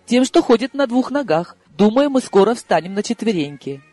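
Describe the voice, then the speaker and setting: Man voicing a tipsy, excitable young woman. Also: moderate pace, breathy edge, no echo, faint music behind, full character voice. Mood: exuberant. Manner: excitable, raised and high-pitched. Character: tipsy young Russian woman, impulsive and emotional. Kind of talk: audiobook character reading.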